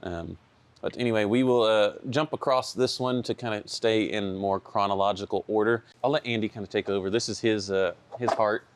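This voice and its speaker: A man in a relaxed, conversational tech session, talking through car repair history with lots of fillers. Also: lowish voice, moderate pace, slight background noise. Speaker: shop owner presenting a tech session. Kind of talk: casual technical talk. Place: event room.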